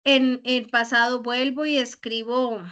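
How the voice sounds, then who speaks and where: A woman with a high voice teaches English grammar online and walks through verb forms patiently. She leans on repeated examples. The audio is a bit dull and lo-fi. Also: flat delivery, measured pace, a bit bright.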